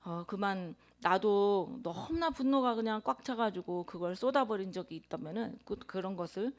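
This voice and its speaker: A woman preaching a sermon, telling a personal confession in an earnest tone with emphatic swells of loudness. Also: mid-range voice. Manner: introverted by her own account.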